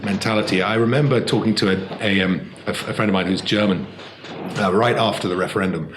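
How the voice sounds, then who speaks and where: Speaking quickly with a lowish voice, a man from Britain takes part in a political panel discussion, his speech thick with fillers and restarts. Faint noise and room echo are audible.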